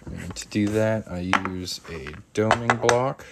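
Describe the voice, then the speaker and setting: A coin ring maker takes his time, speaking in a low, creaky voice while he shows his craft live and fields viewer comments in a casual way. His workshop stream is noisy with tool sounds, sanding and clicks.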